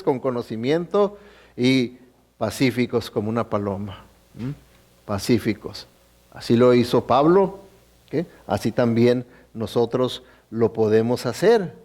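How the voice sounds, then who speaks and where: A man's voice: fairly high pitch, a little mellow. Man preaching with checking-in questions. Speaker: pastor. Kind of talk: sermon.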